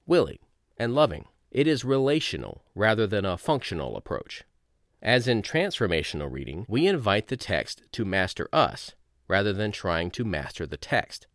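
Man, low and lively, reading course notes point by point, dry close recording. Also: dry recording. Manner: measured, reads numbered lists with rising emphasis. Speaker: course lecturer. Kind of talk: reading lecture notes aloud.

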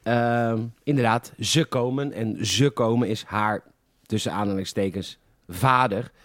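A man's voice: fairly low pitch, a little slow, fairly bright tone, dry recording. A Dutch man co-hosting a podcast, casually retelling film scenes in detail and acting out the characters' quoted lines. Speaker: podcast co-host.

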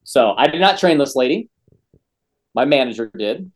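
A man's voice: medium pitch, lively intonation, moderate pace, a loud crowd. A man co-hosting a podcast, telling a story in a plain, casual way with fillers. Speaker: podcast co-host.

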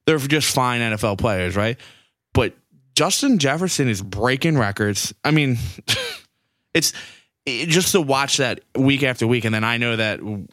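A man co-hosting a sports podcast. He vents his frustrations in a loose, profane, exasperated rant. His voice sits at an ordinary pitch in a dry, dead room. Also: a bit bright, no echo. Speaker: podcast co-host. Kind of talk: casual sports chat.

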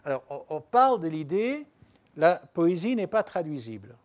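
A man, a literary translator, talking reflectively in an interview, pausing and restarting as he thinks, then pressing hard on key points. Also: a little high. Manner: thoughtful, hesitant restarts, animated emphasis.

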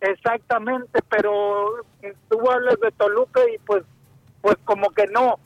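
Over a noisy crowd, a man calls a sports radio show by phone, his very high, gravelly voice swooping wildly in pitch as he talks unhurriedly. His casual opinion comes out hesitant, with fillers and restarts.

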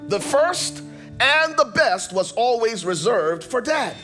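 A man's voice: very high voice, big pitch swings, slow, pushed and bright, faint music behind. A man from Liberia, preaching a sermon as pastor, emphatic and rhythmic, often repeating phrases.

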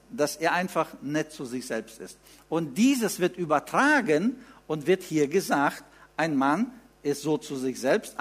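A man in his fifties preaching a sermon in German, teaching with rhetorical questions and emphatic repeated phrases. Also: a little high.

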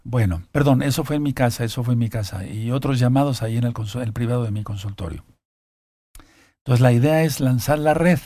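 Guy preaching a bible lesson, mellow low-key voice, reads verses then chats to listeners, dry close sound. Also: no echo. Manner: reads scripture aloud, breaking off with asides to listeners; slow, deliberate, repeats key phrases. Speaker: Bible teacher. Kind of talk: sermon-style Bible teaching.

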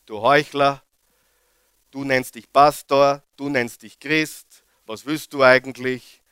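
A man voicing a sneering male devil who whispers temptations and mocks, in a low, hushed tone. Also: fairly even intonation, slow pace, smooth, no echo, clean studio sound. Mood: mocking. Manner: mocking, insinuating.

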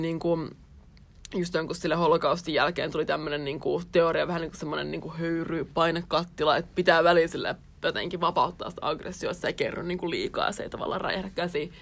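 A young woman co-hosting a podcast, thinking aloud in casual chat with frequent fillers. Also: deep voice. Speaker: podcast co-host.

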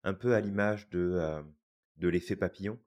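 A man co-hosts a podcast, reflecting on things in a thoughtful, hesitant way with many fillers and restarts. His voice is low and darkish, at a moderate pace.

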